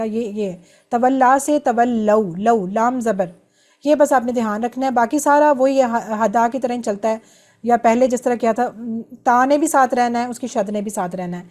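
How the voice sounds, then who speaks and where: A woman's voice: fairly high pitch, darkish tone. Patient woman teaching grammar online. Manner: patient, explains step by step, drills conjugations. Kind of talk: online class lesson.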